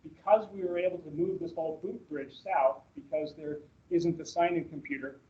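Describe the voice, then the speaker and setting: A man with a fairly high voice walks staff through slides in an informal orientation talk. His delivery is conversational and explanatory. The sound is dull and lo-fi, as captured in a recorded meeting. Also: normal speed. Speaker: presenter, manager at a ski resort. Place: in-person meeting room, streamed to online attendees.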